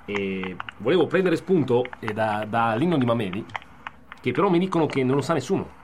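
A man's voice: mid-range voice, sing-song, brisk, background noise, natural voice. A man posing as a famous singer on a radio prank call, hesitant and stammering with many filler sounds. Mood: bumbling.

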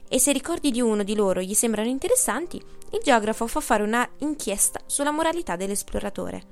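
A woman's voice: fairly high pitch, animated, fast, faint music behind. A woman voicing a self-important old man, a geographer who lectures at length, in a read-aloud storybook. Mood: lecturing.

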